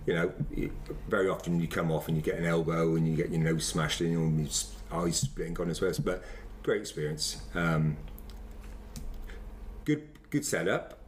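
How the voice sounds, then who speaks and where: A low-pitched man reminisces casually in an interview. He rambles and halts, circling back over his phrases. There is faint noise behind him. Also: poor audio. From Wiltshire, England. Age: 50s. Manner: rambling, halting, repeats phrases. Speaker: former semi-professional footballer being interviewed.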